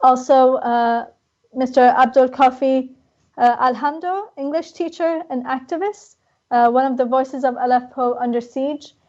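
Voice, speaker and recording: Woman hosting an online panel, high voice, lots of ums, dull sound. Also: normal speed, darkish tone. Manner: polite, hesitant with fillers. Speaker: moderator. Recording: muffled online broadcast audio.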